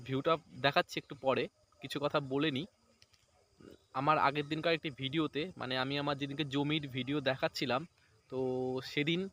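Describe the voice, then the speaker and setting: A man's voice: medium pitch, sharp tone. A man, chatting casually in a vlog outdoors beside a paddy field. He rambles and keeps checking in with "right?". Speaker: vlogger.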